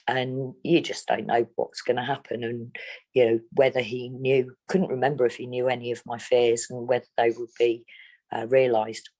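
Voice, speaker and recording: A woman's voice: extremely low pitch, darkish tone. A middle-aged woman from England, speaking bluntly and steadily as an interviewee. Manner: blunt, plain-spoken, measured. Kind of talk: candid interview.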